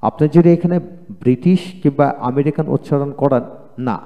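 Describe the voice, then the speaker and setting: A man's voice: fairly high pitch, brisk, narrow, tinny audio. Bengali-accented man teaching spelling. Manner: spells words letter by letter and repeats each word twice; addresses viewers as friends, earnest and encouraging. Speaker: English teacher. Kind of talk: lecture. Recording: long hall reverb.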